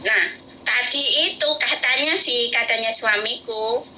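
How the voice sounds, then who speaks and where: A woman calls in over a tinny phone line. Her voice is very bright and a little high. She rambles, repeating words as she tells her story. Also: a little slow, slight background noise. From Indonesia. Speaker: caller, domestic worker.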